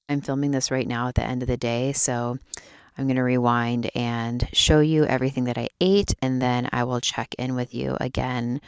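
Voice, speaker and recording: A young woman talking quietly in a personal vlog, keeping her voice down at night as if someone is asleep nearby. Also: extremely low pitch, clean tone, no echo, studio quality. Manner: quiet, hushed night-time talk so as not to wake a sleeper. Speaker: vlogger. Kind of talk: personal vlog talk to camera. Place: closet, small indoor space.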